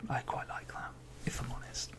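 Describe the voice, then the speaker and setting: An ASMR creator whispers into a close microphone with a fluffy windshield, rambling softly at a moderate pace. He makes playful, self-mocking asides while filming himself on a phone.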